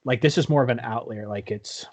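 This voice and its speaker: Brisk and medium-pitched, this Canadian podcast co-host weighs in on sports with blunt takes. His casual, loose chatter is full of swearing and the filler "like."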